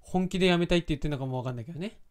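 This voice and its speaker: A man hosting a casual live stream, reading viewer comments aloud and chatting in a relaxed, thinking-out-loud way. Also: fairly high pitch, very fast.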